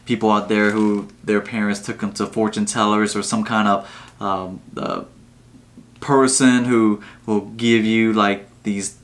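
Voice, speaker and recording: A man hosting a casual reaction video, talking in a relaxed, rambling way with plenty of fillers. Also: lowish voice, unhurried. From Vietnam. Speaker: channel host.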